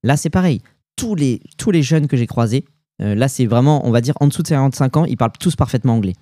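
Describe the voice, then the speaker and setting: Chatty French man with a mellow voice. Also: medium pitch, fast, no echo, clean studio sound. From France. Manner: animated storytelling with slang and fillers. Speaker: podcast co-host. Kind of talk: casual chat.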